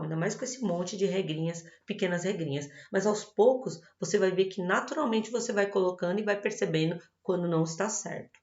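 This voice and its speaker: A woman's voice: fairly low pitch, a little mellow. A woman with a Brazilian Portuguese accent, an English teacher explaining grammar rules in a video lesson, patient and reassuring. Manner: patient, reassuring, checks in with "tá bom?". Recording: roomy, dull lo-fi recording.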